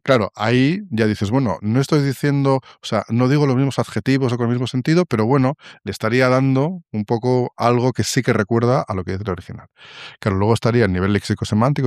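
A man answering interview questions, often restarting and filling pauses as he explains. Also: lowish voice, no echo, clean studio sound. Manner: hesitant, many restarts and fillers. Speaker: guest, song translation author. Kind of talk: interview conversation.

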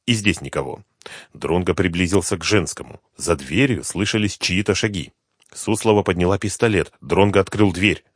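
A man narrating a thriller audiobook in a tense, measured reading on a close microphone. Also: sits low, dry recording. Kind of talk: scripted narration.

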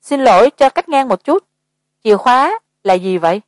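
A woman's voice: fairly high pitch, big pitch swings, normal speed, no room sound. A composed young man from an audiobook horror tale, level and politely wry, as a woman reader puts him on. The voice stays near her own. The recording is dry and close. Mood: calm.

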